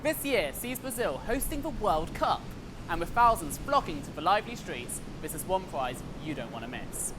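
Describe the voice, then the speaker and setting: Exuberant man announcing a prize, swooping pitch. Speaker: competition prize presenter. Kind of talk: upbeat scripted prize announcement. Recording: clear background noise, vehicle rumble.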